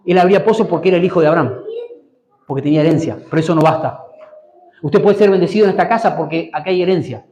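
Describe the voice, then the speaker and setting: High-voiced pastor preaching in an echoey hall. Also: male voice, fast talker, darkish tone, a little hiss or hum. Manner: preaching with call-and-response prompts to the congregation. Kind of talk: sermon. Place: church hall.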